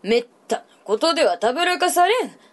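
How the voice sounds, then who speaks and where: A gruff old Buddhist monk, as a woman puts him on, grumbling in old-fashioned country speech. The pitch swings widely between growls and outbursts, in storybook style. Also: big pitch swings, brisk. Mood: stern.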